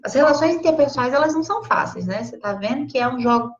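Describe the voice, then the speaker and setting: A Brazilian woman with a Brazilian Portuguese accent giving a casual, expressive live class, chatting directly to her audience. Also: high voice, fast talker. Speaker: psychologist teaching a live class. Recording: slightly dull lo-fi livestream audio.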